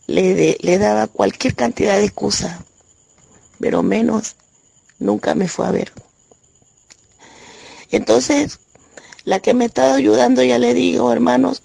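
Brief: Panamanian woman giving a church testimony from her bed at home, rough gravelly voice, stop-start delivery. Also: mid-range voice, mellow, no echo. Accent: Panamanian Spanish. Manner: halting, with many restarts. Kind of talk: personal religious testimony.

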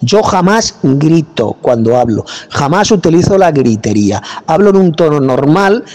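A man from preaching in a forceful, scolding way, speaking with authority into a phone. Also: on the high side, big pitch swings, moderate pace, long reverb tail. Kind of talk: combative preaching monologue. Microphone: phone mic.

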